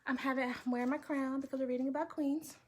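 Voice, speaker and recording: A woman's voice: high-pitched, steady tone, quick pace, darkish tone. A woman teacher reading a picture book aloud to children, with chatty, playful asides. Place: home.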